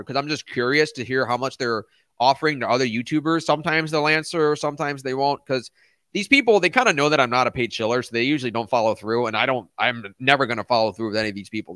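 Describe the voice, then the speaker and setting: A man's voice: mid-range voice, bright, forceful tone, no echo. A middle-aged man hosting a casual livestream, speaking bluntly and emphatically with slangy asides into a close microphone. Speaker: livestream host, crypto YouTuber. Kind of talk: casual livestream rant, reading and answering chat. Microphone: close studio microphone.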